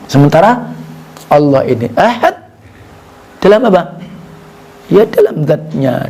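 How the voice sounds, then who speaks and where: A man's voice: fairly high pitch, vocal fry, dark tone. An Indonesian man giving an Islamic sermon, reciting Arabic texts, translating them and asking the audience rhetorical questions as he explains. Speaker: Islamic preacher.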